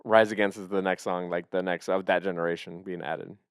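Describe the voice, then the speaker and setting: A man with a low, smooth voice, chatting casually on a podcast. He rambles and gets excitable, trailing off mid-thought and starting over. The sound is dry and close. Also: brisk, no echo. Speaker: podcast co-host. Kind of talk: casual chat.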